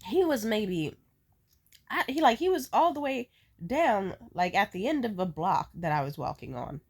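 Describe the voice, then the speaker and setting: A woman who is sick with a stuffed-up nose rambles casually. She complains with theatrical, animated emphasis and swears freely as she tells her stories. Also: medium pitch, normal speed. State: sick with a cold, congested nose. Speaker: vlogger. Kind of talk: casual rambling storytime chat.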